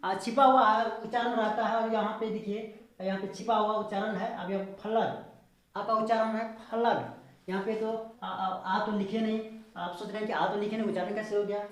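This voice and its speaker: A woman teaching English pronunciation, spelling words out slowly letter by letter and checking whether the viewer has understood. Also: medium pitch, steady tone. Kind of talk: spoken English lesson explained in Hindi. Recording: very echoey room.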